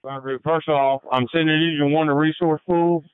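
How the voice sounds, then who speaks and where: A man's voice: on the high side, fairly even intonation, normal speed, smooth, dry recording. A man, a firefighter, giving terse status reports over a two-way radio. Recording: tinny, narrow-band fire radio channel.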